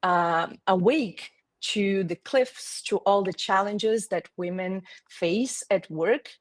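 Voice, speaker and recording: A woman's voice: medium pitch, slow pace, no echo. Woman, forties, Brazilian Portuguese accent, earnest, thoughtful, hesitant restarts, video call, dry sound. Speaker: guest, marketing executive. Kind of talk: conversational interview.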